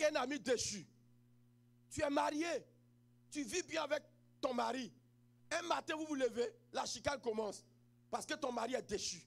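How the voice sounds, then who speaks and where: A man with an Ivorian French accent preaching a sermon as pastor, moving from quiet personal storytelling to shouted, half-sung exhortation. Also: extremely high pitch, gravelly.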